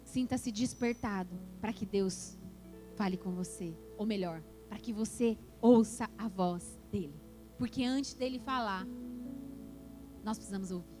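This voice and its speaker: A woman's voice: mid-range voice, a little slow, a little mellow. A woman pastor preaching a passionate sermon that builds to emphatic peaks in a church. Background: worship music.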